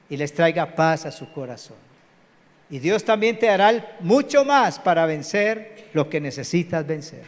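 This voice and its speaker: High-voiced pastor preaching. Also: male voice. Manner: emphatic, calls for amen, repeats phrases. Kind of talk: sermon. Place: church hall. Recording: long hall reverb.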